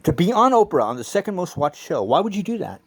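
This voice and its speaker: A man's voice: high voice, big pitch swings, fast talker, breathy edge. A middle-aged man telling personal stories in a rambling, profane, intense monologue, arguing back and forth with himself. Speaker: vlogger.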